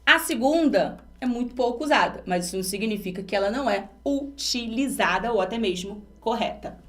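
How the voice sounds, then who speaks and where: Woman from Brazil, teacher, exam-prep lesson, step-by-step explaining, slightly high voice. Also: animated, fairly quick. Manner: explains step by step, stressing terms and asking students rhetorical questions.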